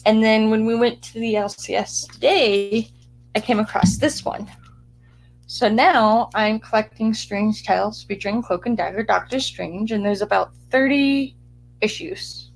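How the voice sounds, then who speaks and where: A chatty woman co-host with a somewhat high voice and a gravelly edge of fry. She talks in eager bursts and often restarts her sentences. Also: measured pace, poor audio. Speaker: podcast co-host. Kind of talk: casual chat.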